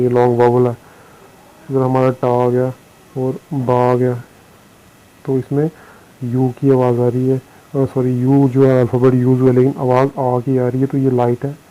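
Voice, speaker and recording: An Indian-accented man teaching a recorded lesson, his voice held almost completely level in pitch. His tone is dark and mellow. He works through his points slowly, repeats himself and fills pauses with drawn-out "uh"s. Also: highs cut off. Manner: slow, repetitive explanation with frequent fillers. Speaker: shorthand teacher. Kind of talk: recorded lesson explaining on a board.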